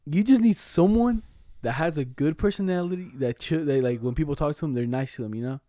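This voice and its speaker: A young man in casual co-host banter, telling stories in a slangy, profane, animated way. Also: on the high side, fairly quick, no room sound.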